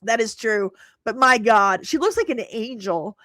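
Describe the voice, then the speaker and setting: A woman's voice: on the high side, lively intonation, measured pace, a bit bright, no room sound, clean studio sound. A middle-aged woman hosting a live stream, chatting casually, laughing often and answering viewers by name.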